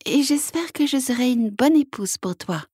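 A woman voicing a small, gentle female frog princess who speaks softly in a little voice for a children's storybook. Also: sits high, animated, moderate pace, breathy edge, dry recording, clean studio sound, pitched above the performer's own voice. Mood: tender. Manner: soft, small voice.

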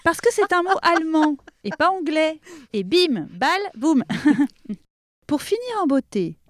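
A woman's voice: high-pitched, expressive, unhurried, no room sound. Young woman doing a jokey pronunciation lesson, voice jumps all over, dry close sound. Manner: playful and teasing, laughs often. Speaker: comic language teacher.

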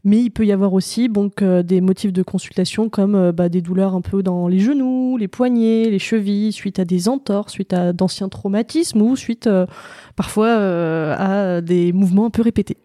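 A woman chiropractor answering interview questions, explaining with frequent pauses and fillers. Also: medium pitch, warm tone, no echo, studio quality. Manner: hesitant, many fillers and restarts. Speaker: chiropractor guest.

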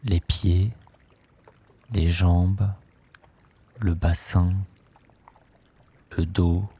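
A man leading a guided sleep meditation, speaking softly and calmly in drawn-out phrases with long pauses. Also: low voice, husky. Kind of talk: slow guided relaxation script.

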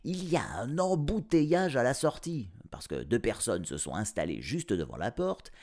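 A man narrating an audiobook in a playful, expressive first-person style. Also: medium pitch, normal speed. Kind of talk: audiobook storytelling.

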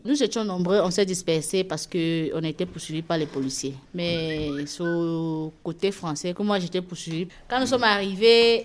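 A woman from Cameroon, earnestly giving her testimony as a migrant and repeating words as she searches for them. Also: on the low side. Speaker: migrant being interviewed. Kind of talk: personal testimony. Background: crowd chatter.

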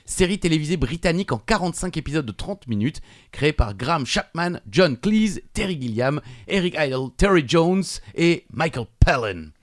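A man's voice: a little high, lively intonation, normal speed, hardly any pauses, no room sound, clean studio sound. A French man co-hosting a quiz podcast, reading out answers and background facts in a joking, chatty way. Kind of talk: casual quiz banter.

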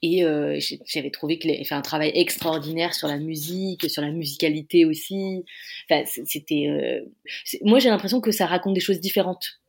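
Casting: female author interviewee, French accent, low-ish register, conversational, feeling her way through sentences. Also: brisk, gravelly, slightly rough. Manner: hesitant, searching for words.

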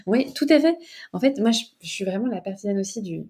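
A woman's voice: medium pitch, quick pace. A young woman, a startup cofounder interviewed as a guest, speaking casually and chattily and often saying "tu vois". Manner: lively, chatty, peppered with "tu vois".

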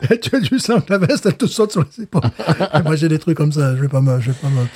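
A man's voice: a little high, sing-song, fast, darkish tone, breathy edge. A man co-hosting a podcast in casual chat, making dry jokes. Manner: dry, joking. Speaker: podcast co-host.

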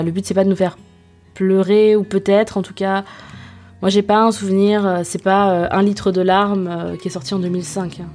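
A woman with a mellow, relaxed voice hosts a chatty podcast over background music. Her delivery is informal and slangy, with hesitations as she looks for words. She drops in self-deprecating asides as she goes. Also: medium pitch. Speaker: podcast host. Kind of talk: casual, chatty solo podcast review.

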